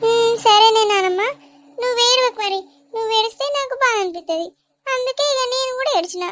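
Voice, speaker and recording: A woman voicing a sweet, teary young village granddaughter in an animated comedy, talking in a pleading, childlike way. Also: extremely high pitch, brisk, slight background noise. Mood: coaxing.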